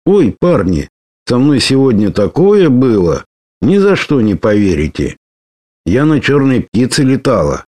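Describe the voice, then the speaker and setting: A man voicing a lively, bold young woman warrior who talks brashly and teases. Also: medium pitch, unhurried, no echo, pitched above the performer's own voice. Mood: indignant. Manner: brash, teasing, excitable.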